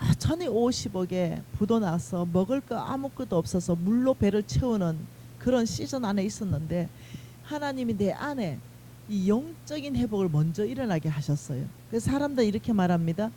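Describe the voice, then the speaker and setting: A woman giving an emotional testimony sermon at a church revival, swinging between hushed and loud, on a mic. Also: medium pitch, lively intonation, moderate pace, a little hiss or hum. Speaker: lay minister preaching at a revival meeting. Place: church sanctuary.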